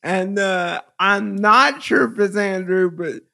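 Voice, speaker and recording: Male podcast host, very high creaky voice, halting, slightly slurred, jokey chat. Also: pushed and bright. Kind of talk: casual comedic chat.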